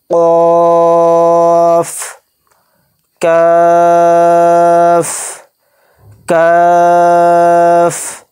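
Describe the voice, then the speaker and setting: A man teaching beginners to read the Quran with tajweed, stretching out each letter name slowly and explaining patiently step by step. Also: on the high side, darkish tone, clean tone, no echo, clean studio sound.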